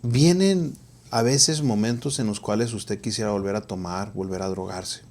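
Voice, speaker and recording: A man's voice: on the low side, moderate pace, a little mellow. A man hosting a podcast interview, asking questions and offering reflective, preacher-like encouragement. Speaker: podcast host.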